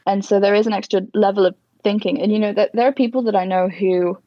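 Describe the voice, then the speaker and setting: A woman's voice: medium pitch, fairly even intonation, fast talker, no echo, lo-fi sound. Posh Englishwoman with northern short A's. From Durham, northern England. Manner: chatty, reflective. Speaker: interview guest, Oxford student. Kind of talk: casual conversation.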